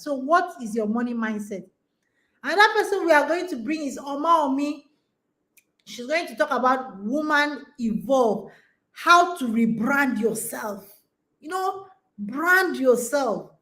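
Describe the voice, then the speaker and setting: In a low-quality recording, a woman in her forties with a high-pitched voice hosts a conference and coaches women. Her motivational talk to an online audience is emphatic and exhorting, built on repeated rallying phrases.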